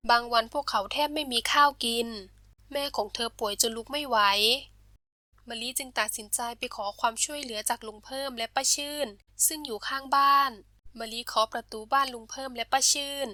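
A woman narrating a bedtime storybook in a gentle, steady and expressive way. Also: high-pitched, fairly quick, no room sound.

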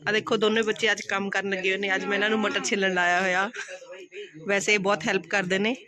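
A woman's voice: mid-range voice, flat delivery, fast talker, a crowd in the background. A young woman chatting casually to the camera in her home vlog. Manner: chatty, coaxing. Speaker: vlogger.

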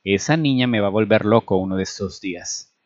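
A man's voice: fairly low pitch, a little fast, no room sound, close to an everyday voice. A man reading aloud and voicing a stern, irritable army major who talks in an impatient, commanding way. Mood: exasperated. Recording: dull lo-fi recording.

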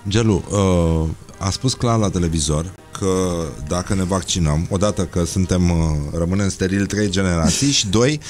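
A man hosting a morning radio show, chatting casually with an ironic, deadpan humor. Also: sits low, hardly any pauses, faint music behind.

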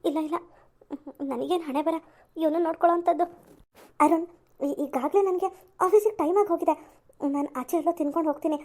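Woman doing a sly sweet-talking office temptress, very high. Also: fairly even intonation, fast, pauses often, darkish tone. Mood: scornful. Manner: sweet-talking, wheedling, then cold and selfish.

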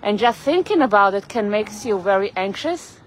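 A woman vlogger with a mid-range voice and lively intonation speaks at a normal speed while walking a city street. She chats casually to her live-stream audience, rambling and greeting people by name, and the handheld phone recording is rough, with traffic and street sounds behind her.

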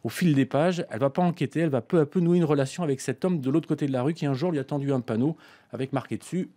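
A middle-aged man presents a scripted book review in a radio studio, reading passages aloud. His voice is on the high side, quick and dark-toned, captured by a studio microphone while he monitors on a headset.

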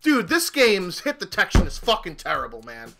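A young man doing gameplay commentary with friends, hot-tempered and profane, yelling at the other players. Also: high voice, huge pitch swings, normal speed, gravelly, music in the background. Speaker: gaming video creator.

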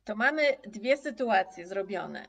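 A woman teaching a live online language lesson, speaking slowly and clearly, repeating example phrases and answering viewers' comments. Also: medium pitch, animated, recorded from a distance.

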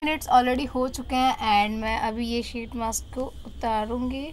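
A woman's voice: a little high, fairly even intonation, measured pace, a little hiss or hum, poor audio. A young woman vlogging a beauty product review while wearing a sheet mask, chatty and mixing English into her speech. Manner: chatty, mixes English into Hindi, keeps saying "guys". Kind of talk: casual product review vlog.

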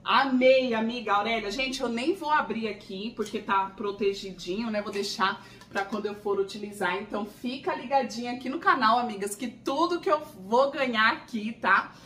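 A Brazilian woman hosting an excited unboxing vlog, gushing and exclaiming as she chats to her viewers. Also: on the high side, normal speed, hardly any pauses, reverberant, recorded from a distance, slight background noise. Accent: Brazilian Portuguese. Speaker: channel host.

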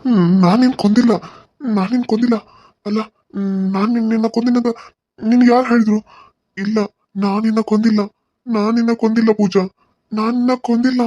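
A man's voice: high-pitched, fairly even intonation, a little fast, pauses often, dark tone, dry recording. Panicky older man, cartoon serial, North Karnataka Kannada accent, pleading, dry, muffled. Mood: frightened pleading. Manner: pleading, frightened outcries. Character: panicky older man, haunted heart patient.

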